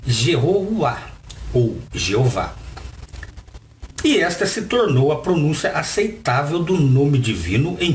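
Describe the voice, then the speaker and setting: Lively Brazilian man reading and explaining. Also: a little high. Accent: Brazilian Portuguese. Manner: lively, asks the listener rhetorical questions. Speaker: Bible reader and teacher. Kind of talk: reading a text aloud with added commentary. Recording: roomy echo with faint background noise.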